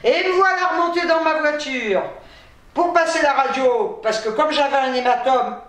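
Tired, chatty woman vlogger, high-pitched, exasperated asides, recorded in a booming room. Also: normal speed, fairly bright tone, recorded from a distance. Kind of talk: casual storytelling to camera. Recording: very echoey room, off-mic.

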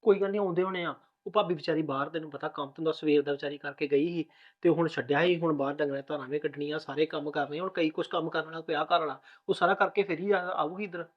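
A man plays a young husband soothing his new bride, talking very fast in a fairly high voice. The recording is dull and lo-fi, like a low-budget village drama. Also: steady tone, natural voice. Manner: rapid, reassuring, soothing. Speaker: groom. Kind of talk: village family drama acting.

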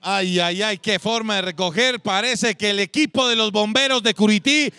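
A man with a Colombian accent commentating a game show in excited race-style play-by-play, with repeated exclamations and drawn-out calls. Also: high-pitched, clear, resonant tone.

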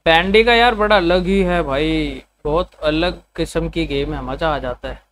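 Hoarse high-voiced male streamer. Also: a bit bright, slight background noise. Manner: teasing, swears freely, quick comebacks. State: hoarse sore throat, keeps clearing it. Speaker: livestreamer talking to chat. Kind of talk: casual live stream banter.

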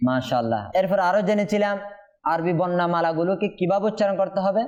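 A man with a fairly high voice and a Bangladeshi Bengali accent leads a Quran recitation class. He patiently asks the same question again and again to his students. The sound is a little dull and lo-fi. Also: animated, fast talker, darkish tone, soft background music. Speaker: Quran teacher.

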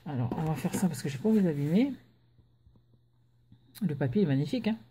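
Woman vlogger, mellow tone, hushed, chatty with hesitations, casual home unboxing. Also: deep voice, lively intonation, a little fast, slightly rough. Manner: chatty, hesitant with many fillers; talking softly while children nap. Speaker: crafting vlogger.

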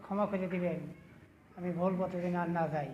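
A man speaking haltingly into a handed microphone at a village gathering. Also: sits high, fairly even intonation, darkish tone, highs cut off. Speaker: returning convert addressing the gathering. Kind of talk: plain public confession. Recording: echoey, crowd noise behind.

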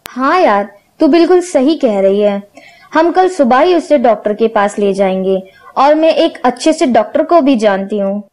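A young woman acting in an amateur Hindi short film, agreeing warmly with a friend on a call. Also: fairly high pitch, expressive, moderate pace, lightly acted.

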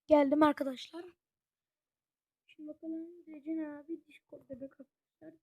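A gaming YouTuber giving casual gameplay commentary, chatty and excitable, constantly talking straight to the viewers as friends. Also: sits high, narrow, tinny audio. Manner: excitable, reacting out loud to the match.

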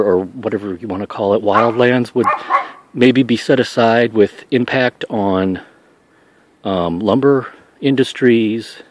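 A man's voice: mid-range voice, a little mellow. A man vlogging as he walks outdoors with his dog, rambling and musing aloud with many fillers, a little out of breath. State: somewhat out of breath from walking. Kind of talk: casual walking vlog monologue.

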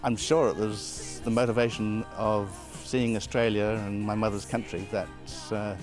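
Prof in his 60s, lowish voice, modest, thinks aloud, bit of soft music under him. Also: level tone, moderate pace. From Britain. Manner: modest, thoughtful, with small restarts. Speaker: astronomy professor. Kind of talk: interview answers. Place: outdoors beside an observatory dome on a hill.

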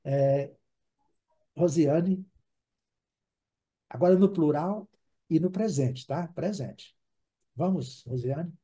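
A man's voice: fairly high pitch, takes it slowly, pauses often, dark tone, husky. A man teaching an online English class in Portuguese, patiently repeating words for drills and checking in with the class.

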